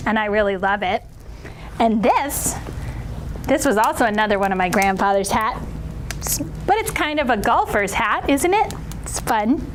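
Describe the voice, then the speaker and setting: Animated high-voiced woman entertaining children. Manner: playful, theatrical kids' entertainer addressing children directly. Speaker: children's storytime host. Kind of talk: animated children's story reading and presenting. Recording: clear background noise.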